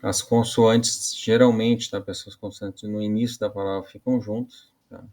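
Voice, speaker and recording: Male teacher, gravelly low voice, casual lesson delivery with frequent restarts. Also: flat delivery, darkish tone. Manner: casual explaining with frequent "né" and "tá" tags; halting restarts while explaining. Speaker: Portuguese teacher. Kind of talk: online grammar lesson.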